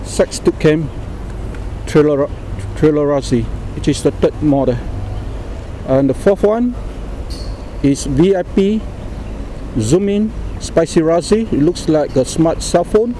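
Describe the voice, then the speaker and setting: A middle-aged man with a Singaporean accent gives an informal Singlish product demonstration in halting, deliberate phrases, recorded outdoors on a small camera. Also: a little high, animated, dark tone. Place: outdoors by a car park and exhibition centre. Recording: noisy outdoor recording with traffic ambience.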